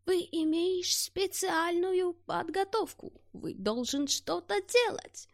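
A woman voicing a frightened old male soldier who pleads in hushed, broken, ungrammatical speech. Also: very high-pitched, animated, slow, vocal fry, pitched above the performer's own voice, heavily acted. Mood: pleading. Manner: ungrammatical, foreign-sounding speech; hushed, half-whispered pleading.

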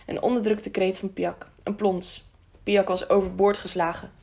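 A woman reading a children's adventure audiobook in a steady, expressive storytelling voice. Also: mid-range voice, moderate pace. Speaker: audiobook narrator. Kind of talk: audiobook narration.

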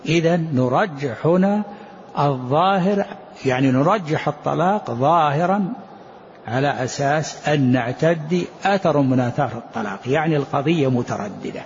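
A man's voice: on the high side, lively intonation, moderate pace, a little hiss or hum. A man teaching a religious law lesson, explaining a text, addressing his listeners and asking questions that he answers himself. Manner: poses rhetorical questions and answers them. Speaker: Islamic jurisprudence teacher. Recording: dull lo-fi lesson recording.

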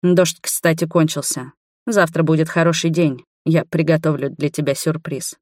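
A woman's voice: low-pitched, steady tone, moderate pace, darkish tone, dry recording, studio quality, lightly acted. A woman voicing a cocky young man who teases his lover, in an audiobook. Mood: teasing.

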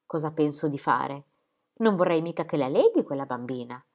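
A woman doing a worried grandma in a storybook, calm but plaintive. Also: low-pitched, normal speed. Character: anxious grandmother, heavy, placid and lamenting.

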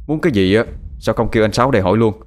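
A man's voice: lowish voice, rapid-fire, soft background music, lightly acted. A man voicing a young poor farmer who speaks earnestly and openly. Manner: earnest, pleading, then raging. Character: young poor farmer, proud and hot-headed.

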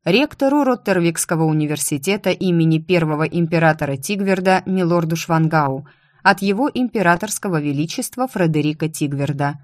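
A woman narrating a first-person audiobook in a steady, expressive reading. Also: on the low side, dry recording, studio quality.

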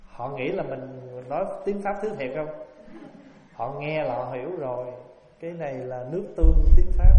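Monk preaching in an echoey hall. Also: male voice, a little high. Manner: folksy, humorous storytelling with rhetorical questions. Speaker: Buddhist monk giving a dharma talk. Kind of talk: sermon. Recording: echoey hall, dull, noisy recording.

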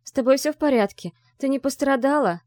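A woman's voice: high-pitched, animated, fairly quick, a little mellow, dry recording, studio quality, voice pushed up. A woman voicing Sonya, an impulsive young student, with urgent, breathless outbursts. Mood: anxious.

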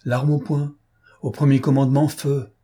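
A man voicing a gruff, exasperated police deputy chief who barks orders in an audiobook. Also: lowish voice, fairly even intonation, slow, mellow. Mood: barking. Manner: barking, irritated.

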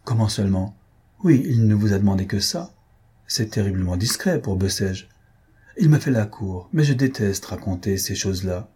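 A man's voice: lowish voice, animated, moderate pace, dark tone, husky. A man reading aloud, voicing a reserved, proud young countess who answers curtly. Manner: curt, restrained replies.

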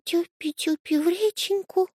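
A woman doing a small, anxious kitten in a children's story. His voice is high and earnest, rising into panic. The sound is dry. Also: a little slow, darkish tone, no echo.

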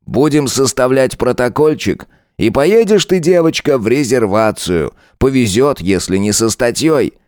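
A man's voice: medium pitch, lively intonation, moderate pace, few pauses, a little mellow, no room sound, studio quality, pitched above the performer's own voice, close to an everyday voice. A man doing a sneering cruel police lieutenant. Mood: mocking. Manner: sneering, taunting.

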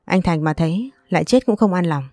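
A woman voicing a middle-aged husband trying to calm a family quarrel in an audio story. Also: fairly low pitch, fairly quick, no room sound, studio quality, lightly acted. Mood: placating. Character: middle-aged husband, peacemaker turned stern.

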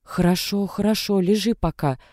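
A man's voice: high voice, moderate pace, a little mellow, dry recording, clean studio sound, pitched above the performer's own voice, close to an everyday voice. A man voicing a flustered, fretting grandmother who fires off anxious questions.

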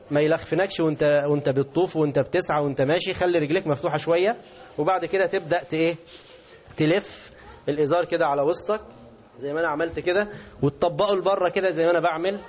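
A man with an Egyptian Arabic accent teaching a religious lesson, asking his class questions as he explains. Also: a little high. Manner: interactive, asks the class questions. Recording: dull lo-fi recording.

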